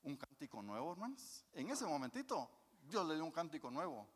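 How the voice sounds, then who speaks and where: A man's voice: on the high side, big pitch swings, brisk, breathy edge. A man preaching a folksy sermon, often calling his listeners brothers and asking them questions that he then answers himself. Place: church hall. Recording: long church reverb.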